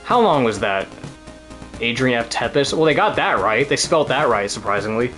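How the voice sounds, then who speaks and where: Male game streamer, casual rambling chat, curses freely, laughs a lot, soft game music underneath. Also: medium pitch, animated, normal speed. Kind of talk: casual let's-play commentary.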